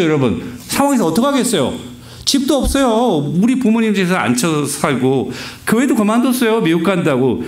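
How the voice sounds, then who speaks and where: Lively middle-aged man preaching with humor. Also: on the high side. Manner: humorous, animated anecdote-telling, laughs often. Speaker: pastor. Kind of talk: storytelling sermon. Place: church sanctuary. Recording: roomy church reverb.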